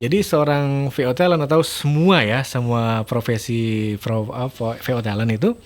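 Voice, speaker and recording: Male voice-over pro, casual talk, fast and lively, bending his intonation freely. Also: medium pitch. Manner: lively, laughs often, talks quickly; shifts intonation to demonstrate reading styles. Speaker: voice-over talent giving a talk.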